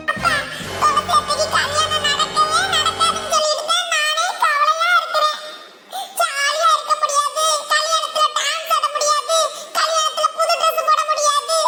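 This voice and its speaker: A woman's voice: extremely high pitch, little pitch movement, moderate pace, reverberant, music in the background, voice pushed up. A woman voicing a chirpy, tattling little village girl with a Tirunelveli Tamil accent in a cartoon. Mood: excited. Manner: chirpy, tattling, sing-song.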